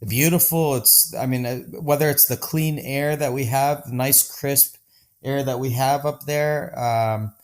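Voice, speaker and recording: A man's voice: mid-range voice, steady tone, unhurried. A man from Denver, a podcast guest, talking casually and enthusiastically with many restarts. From Denver, Colorado. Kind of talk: casual conversation.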